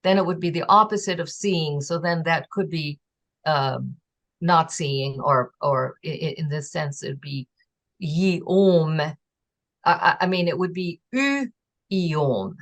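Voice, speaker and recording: Slow, low-voiced woman explaining patiently. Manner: slow, explanatory, pausing with fillers, sounding out example words. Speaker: presenter teaching a constructed language. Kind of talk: online lecture presentation. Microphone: video call.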